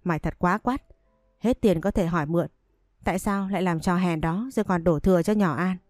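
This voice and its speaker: A woman's voice: fairly low pitch, a little fast, no echo, studio quality, soft background music, natural voice. A woman voicing a harsh, scolding landlady in a spoken story. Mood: angry. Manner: scolding, sharp.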